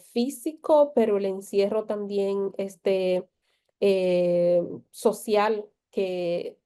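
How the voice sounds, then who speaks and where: A woman from the Republic, speaking as a guest in a reflective panel conversation, with frequent pauses and restarts. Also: mid-range voice, warm tone. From Dominican Republic. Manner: slow, thoughtful, frequent hesitations and restarts.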